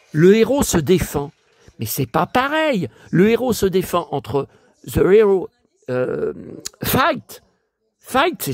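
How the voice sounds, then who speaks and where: A man's voice: on the high side, dry recording. An older man from France chatting casually as a vlogger, musing aloud as he reads English words in a French way. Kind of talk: casual chat while leafing through a book.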